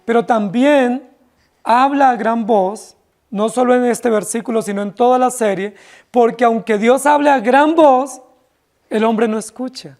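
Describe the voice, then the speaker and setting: An unhurried Colombian pastor, his voice very high and slightly mellow, works through an expository sermon for his congregation in a church. His delivery is emphatic, and he keeps engaging listeners with rhetorical questions.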